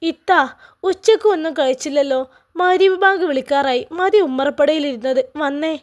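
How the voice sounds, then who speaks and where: Woman voicing a gentle, soothing young woman. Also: high-pitched, normal speed, lightly acted. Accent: Malappuram Malayalam. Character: gentle young sister-in-law, comforting.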